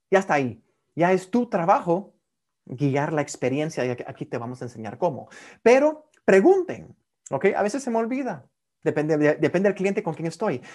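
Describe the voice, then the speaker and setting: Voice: mid-range voice, darkish tone. A hypnosis instructor, teaching a tutorial, often checking in with "ok?" and shifting voice to demonstrate questioning. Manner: stammers on repeated words.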